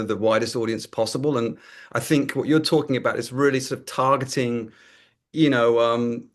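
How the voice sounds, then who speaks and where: A man interviewing in a conversational way, affirming and tentative, circling around his questions. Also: medium pitch.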